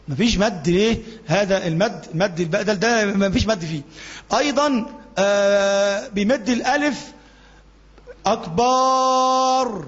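Egyptian sheikh, high and quick, conversational teaching tone, muffled recording with lingering hall echo. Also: male voice. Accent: Egyptian Arabic. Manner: colloquial, asks the class questions and answers them, demonstrates chanting. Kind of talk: classroom religious lesson. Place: mosque classroom. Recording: dull lo-fi recording with long reverb.

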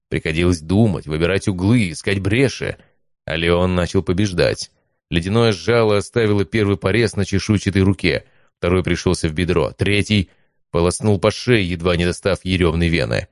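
A male narrator reads a fantasy novel in a steady, even way. His voice sits very low. The recording is dry and close, with no room sound. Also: no room sound.

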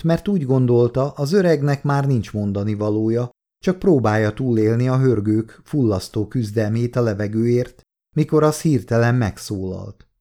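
A man reading an audiobook in measured, even storytelling narration. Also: mid-range voice.

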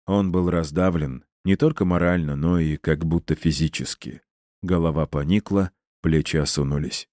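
A man narrating an audiobook in a measured, even reading style, close to the mic. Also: low-pitched, no room sound. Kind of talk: scripted narration.

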